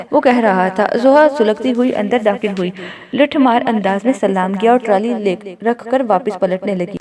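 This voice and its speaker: Woman narrating an audio novel. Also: fairly high pitch. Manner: steady storytelling.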